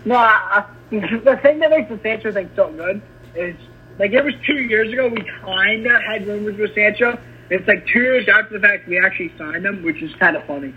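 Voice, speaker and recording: A man's voice: high voice, fairly quick, a little hiss or hum. A man co-hosting a podcast in casual chat, joking and hiccuping. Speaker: podcast co-host. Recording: dull lo-fi sound.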